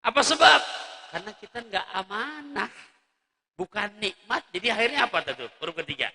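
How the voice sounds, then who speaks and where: A male preacher giving a jokey religious lecture, talking straight to the mothers in his audience and swinging between soft asides and shouts. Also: high-pitched, big pitch swings, a little fast, gravelly, in a large hall.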